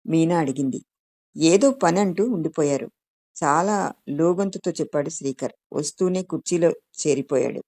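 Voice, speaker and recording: Brief: woman narrator, low voice, dry close sound, calm even storybook reading. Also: no echo. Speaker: story reader. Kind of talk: scripted audiobook narration.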